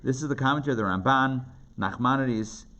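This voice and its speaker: Speaking fairly quickly in a mid-range, slightly bright voice, this rabbi leads an indoor class, putting commentaries into plain language. His interactive lecture leans on emphatic repetition and rhetorical questions. Background noise runs through the live classroom recording.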